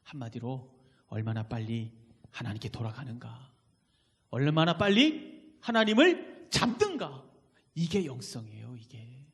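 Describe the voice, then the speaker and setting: A man's voice: medium pitch, big pitch swings, a little slow. A man preaching a sermon as pastor in a church, emphatic and often putting questions to the congregation. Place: church sanctuary. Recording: long reverb in a church hall.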